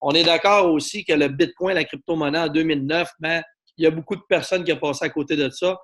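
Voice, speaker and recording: A man from Quebec with a Québécois French accent, giving a persuasive network marketing pitch and asking the audience to agree with him. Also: quick pace, fairly bright tone. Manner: persuasive, asks the audience for agreement, many fillers. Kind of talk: sales pitch to an online audience.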